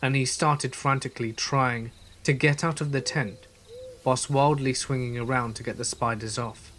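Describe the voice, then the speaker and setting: Brief: male narrator, mid-pitched, steady horror-story reading, faint crickets behind. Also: moderate pace, a little hiss or hum.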